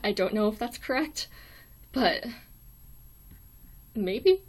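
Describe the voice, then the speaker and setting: Young woman, thin weak voice, mid pitch, hesitant and apologetic casual livestream host. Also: big pitch swings, slow, a little mellow. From United States. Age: young adult. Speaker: live stream host. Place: small dorm room.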